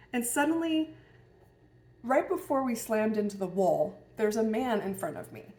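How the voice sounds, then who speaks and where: A woman's voice: mid-range voice, a little mellow. A woman recounts a personal experience in a casual, thoughtful way. She hesitates often and restarts her sentences. Her voice sits in the middle range, with a roomy echo around it. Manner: musing, hesitant, many fillers and restarts. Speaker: vlogger.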